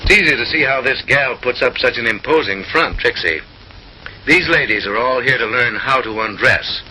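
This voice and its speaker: On a vintage film soundtrack, a man narrates in the style of a mid-century comic newsreel, his delivery arch, theatrical and mock-refined. His medium-pitched voice is bright and forceful at a normal speed. The recording is low quality with slight background noise.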